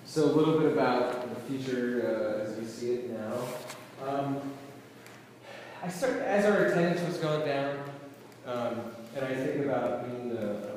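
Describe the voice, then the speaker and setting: A man's voice: medium pitch, a little mellow, slight background noise. A middle-aged man speaking as a camp director to a gathering, hesitating with fillers and restarts. His voice sits in the middle register and carries long reverb. It sounds far from the mic in a roomy hall with faint ambience. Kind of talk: speech to an audience.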